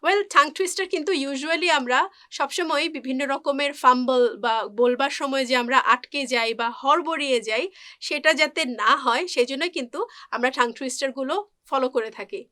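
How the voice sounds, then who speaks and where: A woman English tutor, explaining in mixed with English and reciting tongue twisters slowly and carefully. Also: high-pitched, bright, forceful tone. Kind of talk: friendly language lesson.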